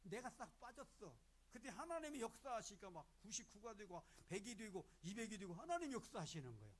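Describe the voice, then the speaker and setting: A middle-aged man preaching a sermon as a guest preacher in a small rural church, telling stories with animated energy and acting out the voices he quotes. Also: high voice, a little fast, breathy edge.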